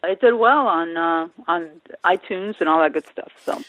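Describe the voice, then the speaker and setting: A woman's voice: lowish voice, moderate pace, fairly bright tone, dry recording. A woman guest singer telling stories in a casual interview, laughing often and acting out the voices of people she quotes. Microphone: phone line. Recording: tinny phone line.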